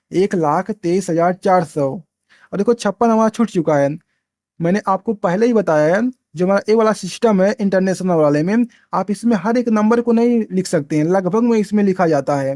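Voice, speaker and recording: A man talks through a maths lesson in a high voice. He poses questions and answers them himself, repeating each step and dropping lower on single numbers. The sound is dry and close. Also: darkish tone, no echo. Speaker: maths teacher. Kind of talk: explaining at a board, step by step.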